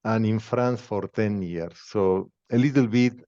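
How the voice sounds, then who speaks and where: A man's voice: fairly low pitch, warm tone. Argentine-accented man, muffled call audio. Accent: Argentine Spanish. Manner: measured, non-native phrasing with pauses. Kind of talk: conversational interview.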